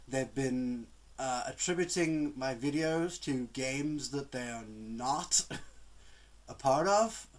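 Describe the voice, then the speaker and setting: A man with a cold, chatting casually to camera as a gaming vlogger in a rambling, exasperated way. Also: mid-range voice. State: has a cold, coughing. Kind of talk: casual vlog chat to camera.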